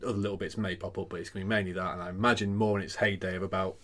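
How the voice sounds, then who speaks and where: A man in his thirties from England talks fast and animatedly as he co-hosts a casual podcast. His delivery is quick and playful, full of jokes and asides. He sounds at ease among friends. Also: low voice, little pitch movement, a bit bright. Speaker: podcast co-host. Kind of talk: casual chat.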